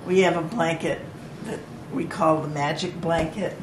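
A woman's voice: sits low, steady tone, normal speed, reverberant, far from the mic, very noisy. A woman chatting casually as a caregiver, a little away from the microphone. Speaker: caregiver accompanying the patient. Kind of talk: casual chat. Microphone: off camera, away from the microphone.

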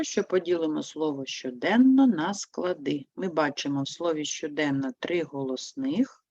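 A woman teaching a primary school language lesson, explaining step by step in a slow, clear manner and answering her own prompts. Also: low voice, darkish tone, dry recording. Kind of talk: online lesson for young pupils. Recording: dry, slightly dull sound.

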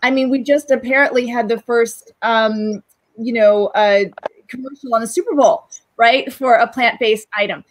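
A woman talks keenly on a video call from a room at home, making her points with drive. Her voice sits a little high. The sound is a plain webcam call. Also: fairly even intonation, normal speed, a little hiss or hum, rough recording. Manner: enthusiastic, persuasive. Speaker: panel guest. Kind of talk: video call panel discussion.

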